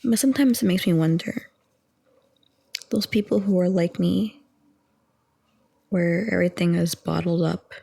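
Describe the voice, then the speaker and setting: Soft-spoken young woman with gravelly fry. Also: lowish voice, measured pace, long pauses, no room sound. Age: 20s. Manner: rambling, calm, chatty with soft laughs. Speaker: ASMR audio creator. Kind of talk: soft-spoken ASMR chat.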